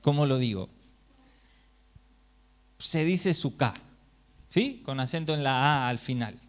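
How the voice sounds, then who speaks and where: A man's voice: mid-range voice, animated, measured pace. A man preaching to a congregation, explaining patiently and checking in with listeners through rhetorical questions. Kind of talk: sermon teaching. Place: congregation gathering.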